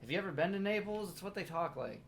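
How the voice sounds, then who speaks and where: A man's voice: high-pitched, lively intonation, quick pace, creaky. A man co-hosting a comedy podcast, bantering in a goofy, playful way. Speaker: podcast co-host. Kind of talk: casual comedic chat.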